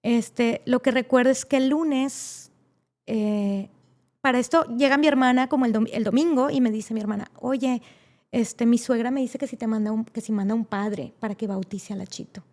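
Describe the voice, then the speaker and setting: A woman with a fairly high voice, a podcast guest telling an emotional personal story. She acts out the people she quotes and leans on frequent "este" fillers as she goes. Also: normal speed, a little mellow.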